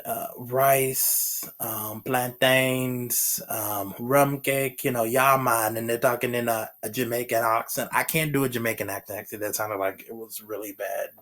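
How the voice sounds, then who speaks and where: Rambling man recapping a TV episode. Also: fairly low pitch. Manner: rambling, many fillers and restarts. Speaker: TV recap reviewer.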